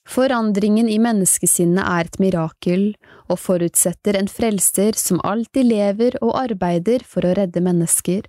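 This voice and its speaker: A woman narrating a devotional book in a slow, measured reading voice. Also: medium pitch, warm tone, no room sound, studio quality. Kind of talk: scripted devotional audiobook reading.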